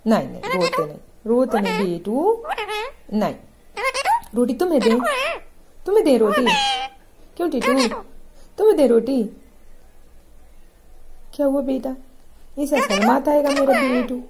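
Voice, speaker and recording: A woman's voice: fairly high pitch, sing-song, measured pace, pauses often, background noise. A woman talking in cooing, giggly baby talk to her pet parrot. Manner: affectionate, giggly, sing-song.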